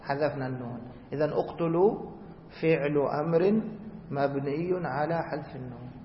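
A man teaching a grammar lesson who asks the class questions, answers them himself, and repeats key rules slowly. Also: on the high side, a little hiss or hum. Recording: echoey hall, dull lo-fi sound.

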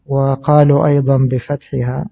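A man giving a measured religious lesson on hadith, explaining slowly and pausing with fillers. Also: medium pitch, little pitch movement, creaky, slightly rough. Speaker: hadith teacher. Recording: tinny phone-like audio.

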